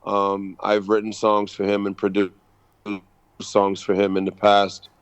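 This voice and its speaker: A man from the Bahamas in his thirties answers interview questions in a measured way, pausing on frequent ums. His voice sits fairly low and runs flat, with little rise and fall. The tone is smooth and clean. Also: dull audio. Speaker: guest reggae artist and producer. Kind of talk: casual radio interview.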